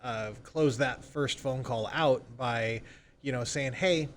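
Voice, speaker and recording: A real estate agent with a mid-range voice talks slowly in a conversational podcast interview. He informally explains sales calls and role-plays example phone conversations.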